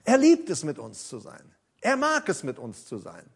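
A man preaching in a church service with a high, very lively voice that leaps up and down. He is fervent and swings from loud emphasis to soft, hushed asides. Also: normal speed, gravelly, husky. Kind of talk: sermon. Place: church during a worship service.

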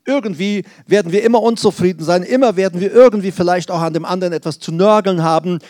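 A man preaching a sermon in an earnest, explanatory way, slowing down on key phrases and often hesitating. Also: high voice, darkish tone, no room sound, studio quality.

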